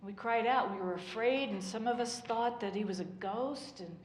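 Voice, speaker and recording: A woman's voice: a little high, normal speed, slight background noise, natural voice. A woman voicing an old male fisherman disciple who tells, in a wistful and rambling way, how worn out he once was. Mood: weary, wistful. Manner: rambling, wistful storytelling with sighs of exhaustion. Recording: echoey church room.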